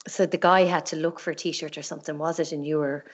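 A woman's voice: low voice, steady tone, quick pace, muffled recording. An Irish-accented woman hosting a podcast in a chatty, informal, encouraging way. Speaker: podcast host. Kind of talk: podcast introduction and casual interview.

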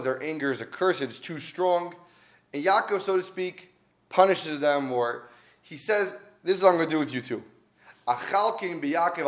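A man delivers a weekly Torah talk in an earnest, conversational way, weaving stories into his lesson. His voice sits somewhat high for a man, and he drives points home by repeating them. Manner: earnest, conversational, with emphatic repetition. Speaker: Torah teacher.

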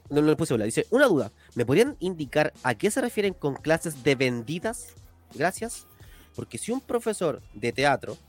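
A man co-hosting a casual podcast, making an emphatic, indignant complaint. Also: a little high. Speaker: podcast co-host.

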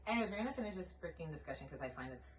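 A Canadian woman in her late twenties co-hosts a podcast, speaking very fast and animatedly in a lowish voice, blunt and emphatic, with plenty of "like" fillers in casual conversation. The recording has a noisy background, roomy room sound, and a distant mic.

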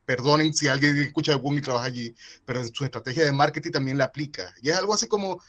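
A man's voice: medium pitch, fast, fairly bright tone. A man hosting a casual podcast, arguing emphatically, repeating himself and acting out remarks. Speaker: podcast host. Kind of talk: casual, animated debate.

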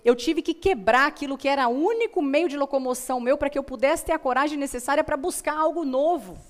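High-pitched and fast, a Brazilian woman speaks as a motivational guest. She recounts personal stories in an earnest, emphatic style, deliberately repeating phrases.

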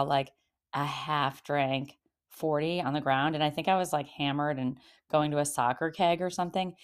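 A woman nearly fifty talking casually about dating in a rambling, chatty monologue, full of fillers and laughs. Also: deep voice. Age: 40s. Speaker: podcast host.

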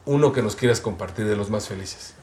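A man's voice: on the low side, a little fast, darkish tone. A man hosting a talk show, putting questions to a guest with brief, friendly prompts.

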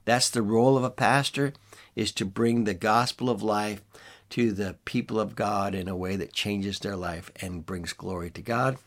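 An older man giving an informal teaching talk as a preacher, earnest and measured, with pauses for emphasis. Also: lowish voice, fairly even intonation. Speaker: preacher and ministry leader.

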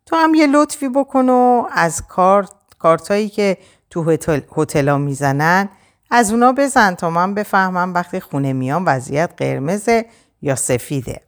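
A woman's voice: on the low side, animated, voice pushed up. A woman voicing a cheeky young man who teases his brother in a playful, mocking way. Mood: teasing.

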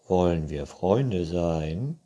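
A man's voice: low-pitched, animated, extremely slow, dark tone, heavily acted. A man voicing a sulky, indifferent dog in a children's story, dismissive and drawling. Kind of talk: children's book reading.

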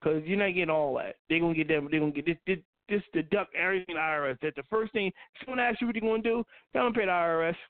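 A man's voice: high voice, racing, hardly any pauses, no room sound. A man hosting a casual, profane commentary on the news, often repeating himself. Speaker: podcast host. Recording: tinny phone-like sound.

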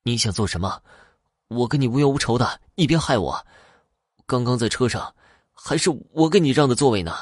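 A man playing a frightened young man who pleads his innocence in a raised, rushed voice. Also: medium pitch, expressive, dry recording, studio quality, lightly acted. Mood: begging.

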